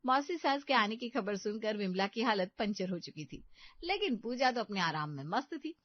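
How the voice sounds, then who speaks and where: A woman's voice: mid-range voice, lively intonation, moderate pace, no echo. Woman narrating a cartoon story. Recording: dull dry recording.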